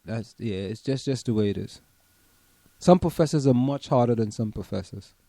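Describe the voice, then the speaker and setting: A man's voice: medium pitch, lively intonation, moderate pace, mellow, no room sound. A man, a professor co-hosting an online radio show, talking emphatically and repeating words as he thinks aloud. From Trinidad and Tobago. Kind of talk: casual radio chat.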